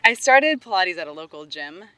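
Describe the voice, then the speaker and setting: A woman with a slightly low voice talks casually as an interview guest. She is outdoors and speaks in an informal, somewhat halting way. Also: big pitch swings, bright, forceful tone, clear, resonant tone. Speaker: interview guest, Pilates studio co-owner.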